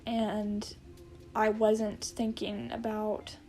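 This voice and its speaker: A woman's voice: mid-range voice, completely flat delivery, drawn-out words, warm tone, faint music behind. A woman in her twenties chatting casually to camera, hesitant and rambling, often correcting herself as she goes. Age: 20s. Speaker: vlogger. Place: indoor room at home with plants.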